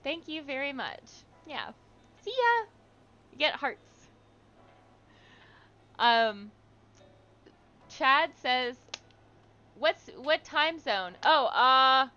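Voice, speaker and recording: With a fairly high, pushed, bright voice on lo-fi audio, a woman runs a livestream. She talks casually with her audience, reads their comments out, and stays encouraging throughout.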